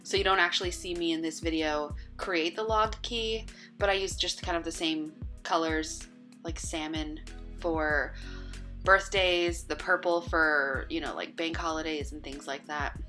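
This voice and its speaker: A bullet journal vlogger with a fairly low voice walks casually through her planner pages in a voice-over, with faint music underneath. She sounds relaxed and chatty, using lots of ums and uhs, and her voice is a little worn, as if she's losing it.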